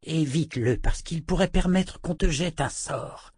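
A man's voice: on the high side, unhurried, darkish tone, breathy edge, no echo, voice pushed up. A man voicing a wry old wizard adviser, over 60, in an audiobook, with a dry mumbling manner.

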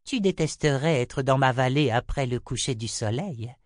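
A man's voice: expressive, dry recording, clean studio sound, lightly acted. A man putting on a cryptic aloof seer woman. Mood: evasive. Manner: raised pitch, slow measured delivery. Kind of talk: audiobook character voice.

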